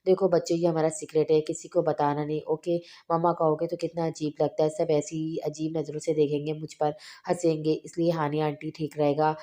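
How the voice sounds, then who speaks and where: Female reader voicing a confiding young stepmother, even and low. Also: a little fast, natural voice. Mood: coaxing. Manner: coaxing, confiding. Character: young stepmother, coaxing and secretive.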